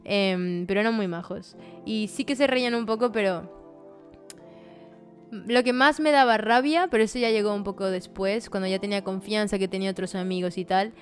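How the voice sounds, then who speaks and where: Chatty woman from Latin America, podcast guest, mid-pitched, loose casual talk. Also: normal speed, faint music behind. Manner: chatty, many fillers and "¿sabes?" tags. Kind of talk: casual conversation.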